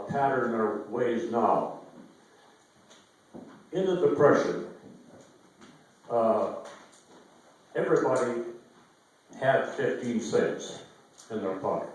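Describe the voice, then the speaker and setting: An older American man hosting an event, telling local history in a folksy, halting, informal way to a live audience. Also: mid-range voice, a little mellow. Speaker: host. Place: inside an old theater, amplified to an audience. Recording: echoey theater hall, distant microphone.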